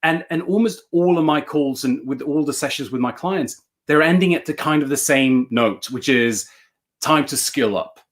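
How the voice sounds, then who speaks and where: A man's voice: on the high side, normal speed. A man in his thirties from Sweden, a native Swedish speaker, talking earnestly as a coaching guest on a video call and repeating words as he thinks. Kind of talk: casual video-call interview. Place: bright room at home.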